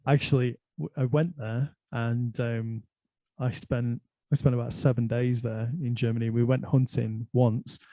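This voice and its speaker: Warm-voiced Irish man telling stories. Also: medium pitch, level tone, unhurried, no room sound. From Ireland. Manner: chatty, anecdotal storytelling. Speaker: host. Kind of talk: casual conversation.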